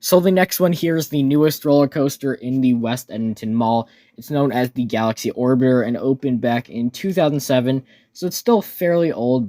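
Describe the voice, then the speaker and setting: A man's voice: medium pitch, warm tone, no echo. Man giving dry, close-sounding ride commentary. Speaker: narrator reviewing amusement park rides. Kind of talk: casual scripted-style voice-over commentary.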